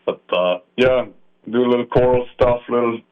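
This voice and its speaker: A man from the Iron Range in northern Minnesota, a polka musician who plays accordion, chats casually in a radio interview with a mid-range voice at a moderate pace. He's folksy, joking and self-deprecating, trailing off with fillers. The audio has a dull AM radio broadcast sound.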